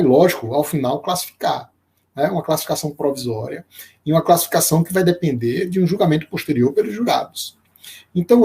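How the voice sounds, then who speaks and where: A law professor streaming a lecture live, his voice sitting a little high for a man. He works through each point slowly, restarting phrases and leaning on fillers, and now and then he breaks off to greet someone watching. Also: warm tone. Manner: explains slowly with many fillers and restarts, greets viewers by name.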